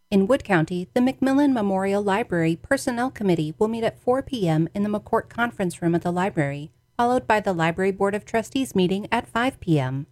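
A woman reads local news announcements from a script at a middle pitch. The recording is dry, with no room sound around her newsreader delivery. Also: darkish tone, dry recording.

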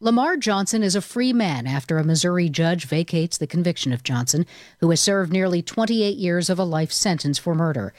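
A woman's voice: lowish voice, lively intonation, brisk, a little mellow, no room sound, studio quality. A woman reading a scripted radio news bulletin as the anchor.

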